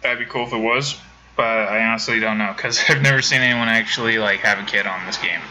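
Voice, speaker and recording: A man's voice: on the low side, steady tone, fast talker, bright, forceful tone, a little hiss or hum, low-quality recording. A man streaming a game from home, chatting casually with viewers and rambling with many self-corrections. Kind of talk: casual let's-play commentary.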